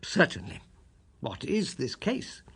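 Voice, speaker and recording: A man voicing a genial, modest young British doctor in an audiobook, husky and amiable, a little hesitant and puzzled. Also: medium pitch, wildly swooping pitch, slow pace, fairly bright tone, heavily acted. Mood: eager, hesitant.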